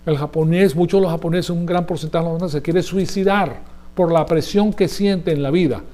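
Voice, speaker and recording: A man's voice: on the high side, fairly even intonation, brisk, dark tone. A man giving a sermon to a congregation in a conversational way, often checking that his listeners follow him. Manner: conversational, asks the audience for agreement. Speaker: preacher.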